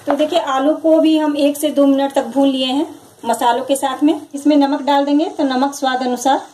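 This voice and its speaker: High-voiced woman narrating a home recipe. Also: moderate pace, slight background noise, low-quality recording. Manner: calm, instructive, repeats each step. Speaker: cooking channel host. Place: home kitchen, over frying sounds.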